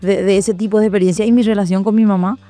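A woman sharing a personal testimony in conversation, reflective, often pausing and adding tag questions. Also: medium pitch, fairly even intonation, dark tone, faint music behind. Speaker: guest.

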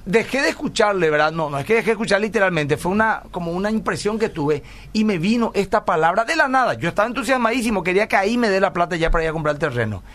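Earnest pastor on the radio. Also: male voice, high voice, expressive, fast, hardly any pauses, a bit bright. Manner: earnest storytelling, often asks "¿verdad?". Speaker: pastor and radio program host. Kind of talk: radio call-in talk, answering listener messages.

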